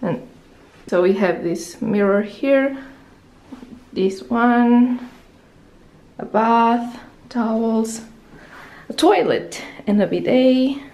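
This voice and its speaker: A young travel vlogger with a Portuguese accent chats casually into a handheld camera held at arm's length, filming from a hotel room and her living room. Her voice is a little high and warm, and she speaks very slowly with frequent pauses, easily wandering off topic.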